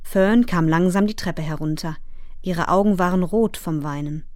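A woman narrating a children's storybook in a calm, even storytelling voice. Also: lowish voice, normal speed, no echo, studio quality. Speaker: audiobook narrator.

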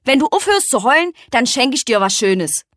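A woman voicing a chubby male mole in a children's story, speaking in a gruff, teasing way. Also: high-pitched, sing-song, moderate pace, a bit bright, no room sound, studio quality, pitched above the performer's own voice, full character voice. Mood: coaxing. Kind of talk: storybook character voice.

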